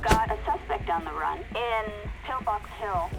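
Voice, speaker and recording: A police radio dispatcher. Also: female voice, medium pitch, animated, a little slow, gravelly, loud music behind the voice, poor audio. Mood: matter-of-fact. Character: female police dispatcher, calm and procedural. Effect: police radio transmission. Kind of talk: clipped radio dispatch calls. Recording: game audio with loud noise.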